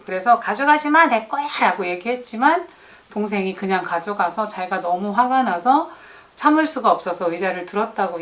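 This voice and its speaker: A middle-aged woman, an early childhood teacher, giving parenting advice in a gentle tone and speaking straight to mothers. She acts out what children and teachers say. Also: medium pitch.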